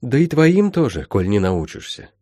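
A man's voice: medium pitch, very animated, normal speed, warm tone, no room sound, studio quality, voice pushed up. Man voicing a stern folksy sorceress. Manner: stern, old-fashioned folksy speech. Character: stern middle-aged woman healer, folksy sorceress. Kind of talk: audiobook character voice.

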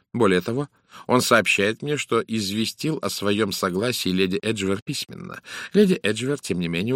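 A man's voice: fairly low pitch, fairly bright tone, dry recording, clean studio sound. A man voicing a fussy older male detective who lectures suspects in a precise, theatrical manner. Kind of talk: audiobook character reading.

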